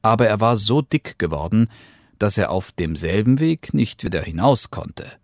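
A man reading a fairy tale aloud as narrator, in a calm, unhurried storytelling manner. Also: on the low side, no echo, clean studio sound.

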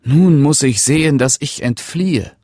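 A man voicing a gentle, proud young prince under a donkey's skin in a storybook reading. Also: mid-range voice, very animated, takes it slowly, no room sound, studio quality, pitched above the performer's own voice, full character voice. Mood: fearful.

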